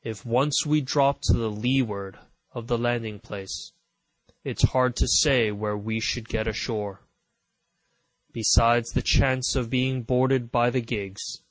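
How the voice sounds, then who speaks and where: A stern, commanding ship captain voiced by a male reader gives clipped orders in a steady middle-pitched voice. He takes his time over the words. The sound is dry and close, with no room around it. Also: slow, no room sound, rough recording. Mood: firm.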